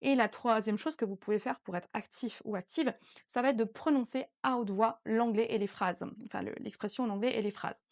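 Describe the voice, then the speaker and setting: A woman teaching English in an online video lesson, speaking clearly and encouraging viewers directly. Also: fairly high pitch, fairly quick.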